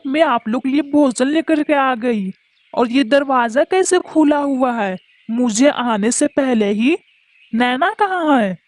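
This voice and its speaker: A protective mother bird, voiced by a woman in a cartoon, speaking slowly with anxious, motherly concern. The recording is close and dry. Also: high-pitched, no room sound.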